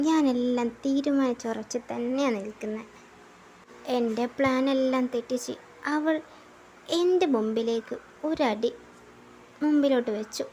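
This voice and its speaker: A woman voicing a calm, sly young man friend who talks in a measured, soothing way in a fan audio drama. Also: slight background noise. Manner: measured, soothing, low and steady.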